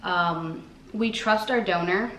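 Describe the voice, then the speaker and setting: A woman's voice: lowish voice, slow, fairly bright tone. A woman vlogger chatting casually, rambling with many fillers. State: out of breath. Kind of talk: casual chat. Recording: echoey room, faint noise.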